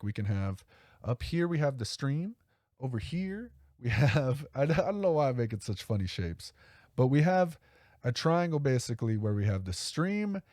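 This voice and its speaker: Male podcast host with a low, mellow voice, dry sound; rambles and corrects himself, upbeat. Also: no echo. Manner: rambling, self-correcting, enthusiastic. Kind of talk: casual solo podcast talk.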